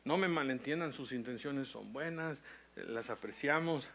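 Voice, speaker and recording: A man's voice: medium pitch, vocal fry, a bit bright. A man preaching a sermon as pastor, reading scripture and telling a hospital story, building to intense emphatic peaks. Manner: preaching with rising intensity and slow emphatic phrases.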